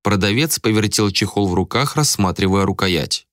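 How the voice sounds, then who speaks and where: A man's voice: fairly low pitch, animated, normal speed, a bit bright, no echo, clean studio sound. A man narrating an audiobook with dramatic storytelling.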